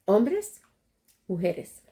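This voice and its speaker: Animated woman. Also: medium pitch, extremely slow. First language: Spanish. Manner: animated and expressive, switching between Spanish and English. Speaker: co-host. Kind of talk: casual bilingual chat.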